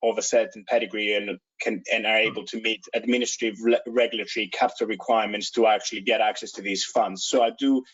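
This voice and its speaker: Greek-born guy on a video call panel, lowish voice, careful and hedging, muffled audio. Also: steady tone, a bit bright, breathy edge. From Greece. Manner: measured, cautious, hesitant restarts. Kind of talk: panel discussion.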